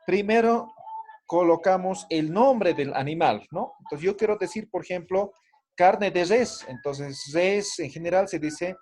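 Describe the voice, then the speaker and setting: Guy teaching an online class, slightly high voice, keeps asking "right?". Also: measured pace, a little mellow. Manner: explanatory, frequent tag questions. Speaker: language teacher.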